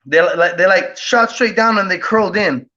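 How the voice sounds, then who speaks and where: A man with a high, bright, forceful voice tells a story as a guest, rambling and circling back with fillers and quick check-ins to his listener. The audio is dull and lo-fi. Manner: rambling, with many fillers and tag questions. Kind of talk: casual storytelling.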